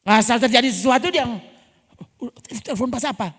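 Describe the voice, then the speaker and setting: A woman's voice: a little high, normal speed. A woman pastor with a North Sulawesi Manado Malay accent, preaching a sermon and firing rhetorical questions at the congregation. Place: large church hall. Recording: long church hall reverb.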